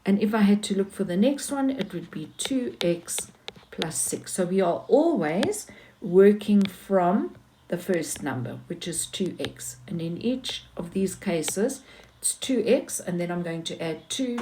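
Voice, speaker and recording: Casting note: unhurried female maths teacher, methodical and repetitive, faint hiss behind. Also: mid-range voice, a little mellow. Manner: patient, talks through each step, repeats herself. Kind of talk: explaining maths step by step.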